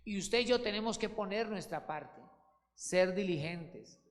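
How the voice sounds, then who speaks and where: A man's voice: high-pitched, measured pace, big-room sound. A male pastor, preaching a sermon with emphatic swings of voice and calling listeners brothers. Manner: emphatic preaching, voice rising and falling widely.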